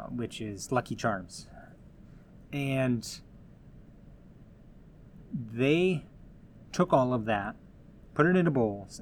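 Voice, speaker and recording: A man's voice: on the low side, a little hiss or hum. A man giving casual motivational advice as a host, earnest and encouraging in a conversational way.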